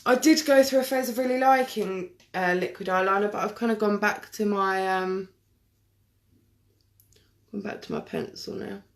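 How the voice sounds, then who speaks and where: A woman chatting casually through a live makeup tutorial, self-deprecating and quick to laugh. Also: mid-range voice, fairly even intonation. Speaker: makeup vlogger.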